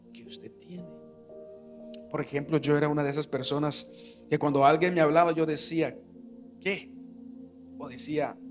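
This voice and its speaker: A middle-aged man delivers a sermon as a pastor. His voice sits high and bright, and a little music plays faintly behind him. He keeps calling his listeners brother and climbs to loud, emphatic peaks. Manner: preachy, repeats "hermano", swells to loud emphatic peaks.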